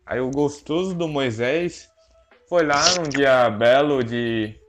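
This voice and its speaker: A man's voice: mid-range voice, slow, faint music behind. Laid-back man telling a story. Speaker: podcast guest. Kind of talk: casual podcast chat.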